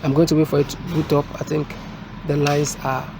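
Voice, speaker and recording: Filmed from overhead at a desk indoors, a man demonstrates installing a product, giving an unscripted tutorial and review in halting, step-by-step explanations. His flat-toned voice is on the high side and creaky. Street and vehicle noise fill the background of the noisy room.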